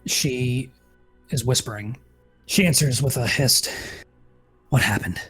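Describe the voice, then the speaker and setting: A man running a tabletop horror game as game master, narrating the scene in a measured, deliberate way. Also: mid-range voice, a bit bright, husky, faint music behind.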